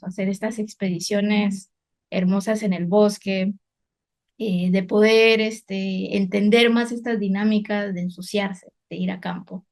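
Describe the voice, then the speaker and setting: Reflective woman researcher recounting her path. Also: mid-range voice. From Guatemala. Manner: reflective, many fillers and restarts. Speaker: environmental researcher. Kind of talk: personal career story, unscripted.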